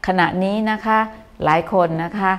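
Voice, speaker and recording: Older Thai woman teaching with playful asides. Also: moderate pace. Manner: warm, teasing, acts out little quoted lines. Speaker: Buddhist teacher answering viewer questions. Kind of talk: live Dharma talk. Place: temple in Melbourne.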